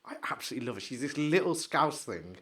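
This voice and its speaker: A man co-hosting a podcast, chatting excitably and rambling, trailing off into mumbles while he searches. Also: medium pitch, fast. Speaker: podcast co-host. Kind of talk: casual chat.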